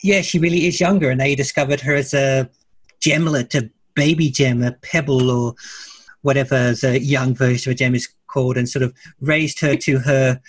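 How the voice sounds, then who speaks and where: Husky-voiced man, dry close sound. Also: medium pitch, steady tone, normal speed, no echo. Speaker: podcast co-host. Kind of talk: casual fan discussion.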